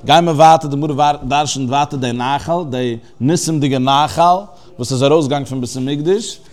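This religious teacher speaks at a moderate pace with a darkish tone and an ordinary middle-pitched male voice. In his text study lesson he moves through scripture phrase by phrase, explaining every Hebrew term in a conversational style marked by restarts and fillers.

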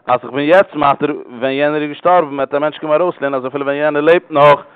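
A man teaching a religious law class, explaining in a rapid, repetitive way. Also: fairly high pitch, steady tone, clear, resonant tone, no room sound. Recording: tinny phone-like line.

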